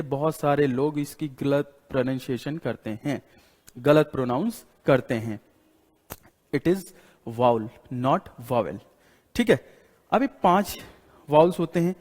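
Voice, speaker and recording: In a classroom lecture in Hindi, an Indian-accented man teaches English, writing on the board, repeating each rule and firing questions at students. His darkish voice is a bit high for a man, with long hall reverb around it.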